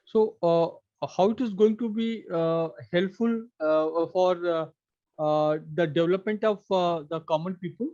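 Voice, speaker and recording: A man's voice: high voice, measured pace, dark tone, no echo. A man with an Indian accent puts formal, probing questions as a mock interview panelist, often repeating and rephrasing them. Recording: dull, lo-fi dry audio.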